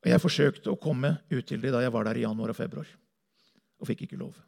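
Gravelly husky man preaching a testimony. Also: mid-range voice, a little mellow. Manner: earnest storytelling, speaking to a congregation. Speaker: missionary preacher. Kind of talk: sermon testimony.

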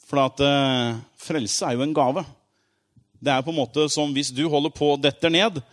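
A man giving an informal sermon, explaining with everyday examples in a conversational way, with frequent asides and fillers, drawing out key words slowly for emphasis. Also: mid-range voice, steady tone. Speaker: preacher.

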